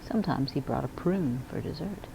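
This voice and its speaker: A woman reading a children's picture book aloud in an expressive storytelling manner. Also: low voice, fairly quick, creaky, noisy background. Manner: expressive, acts out dialogue and emphasis. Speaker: school media specialist reading aloud.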